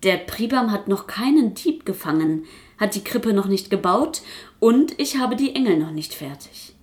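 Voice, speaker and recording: A woman narrating a storybook for children in an expressive reading voice. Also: medium pitch, normal speed.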